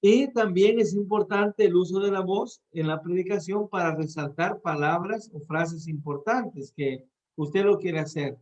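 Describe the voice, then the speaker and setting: Guy giving a preaching lesson, kinda high voice, talks right at you, dull lo-fi sound. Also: unhurried, a little mellow. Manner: talks to the listener directly, restarts his phrases. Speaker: preaching instructor. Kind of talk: teaching a class on preaching.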